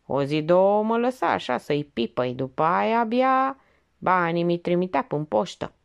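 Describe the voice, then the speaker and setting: A woman's voice: fairly low pitch, expressive, gravelly, smooth. A woman reading the part of a sly, coarse male criminal informant who talks in street slang. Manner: slangy, colloquial.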